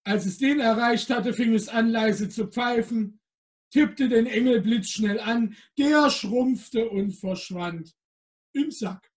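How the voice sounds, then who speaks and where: A man appearing as Santa Claus, reading a storybook aloud to children and talking to them directly. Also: very high voice. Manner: addresses children directly, slow and gentle.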